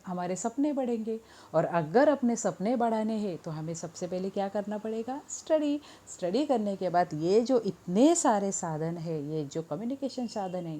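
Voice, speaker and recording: A woman teacher giving a primary school lesson. She reads English sentences slowly, explains them in Hindi, and asks the class questions that she answers herself. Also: medium pitch, dark tone. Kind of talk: classroom lesson for young children.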